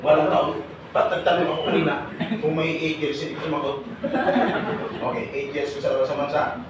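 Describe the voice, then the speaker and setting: This slightly high male voice moves quickly with little change in pitch. He teases his trainees during a live seminar and keeps checking that they agree, in a training room captured with echo and background noise.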